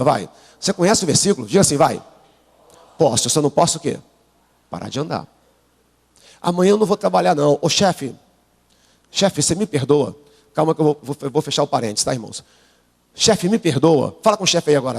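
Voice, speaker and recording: Gravelly Brazilian pastor preaching in a hall. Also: male voice. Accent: Brazilian Portuguese. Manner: call-and-response preaching, prompting the congregation to repeat; swings from low asides to shouted climaxes. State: unwell, preaching through it. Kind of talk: sermon. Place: church sanctuary. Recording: live church sound with long hall reverb.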